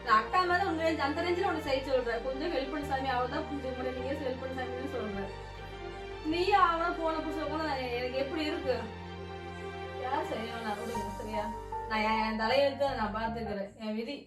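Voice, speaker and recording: A woman's voice: high voice, brisk, far from the mic, music in the background. Tearful, pleading mother in a roomy home. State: crying. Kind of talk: family prank video argument. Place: home, indoors. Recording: roomy, from off the mic.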